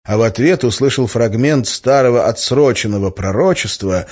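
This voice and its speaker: A man narrating an audiobook in the first person, with a steady, even reading. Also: medium pitch, normal speed, slightly rough, dull audio.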